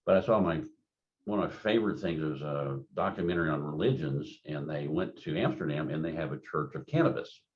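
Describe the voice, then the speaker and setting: Deep-voiced older man lecturing. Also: fairly quick. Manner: rambling, anecdotal, conversational with many fillers. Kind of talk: continuing-education lecture. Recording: dull lo-fi lecture recording.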